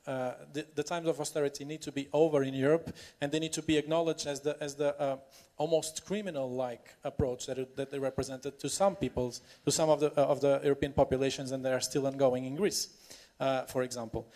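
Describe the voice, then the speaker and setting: Halting but emphatic man. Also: mid-range voice, level tone, mellow. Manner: halting, repeats words, emphatic. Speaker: political panel speaker. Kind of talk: semi-improvised conference speech.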